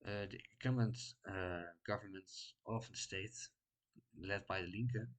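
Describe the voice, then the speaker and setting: Low-voiced man with a Dutch accent. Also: fairly even intonation, poor audio. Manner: unscripted, many filler pauses while explaining. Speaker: political commentary vlogger. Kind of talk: casual commentary explaining results.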